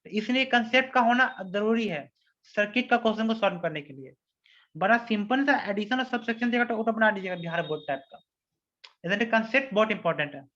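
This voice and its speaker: A man's voice: high-pitched, a bit bright. A man teaching a physics lesson online. He explains step by step and often asks whether everyone follows. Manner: reads English question text slowly. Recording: dull lo-fi recording.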